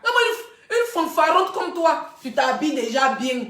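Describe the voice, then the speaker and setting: A woman, hosting a casual live stream and telling gossip straight to her viewers in a chatty, animated way. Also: high-pitched, normal speed, reverberant. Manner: chatty, animated storytelling, addressing viewers directly.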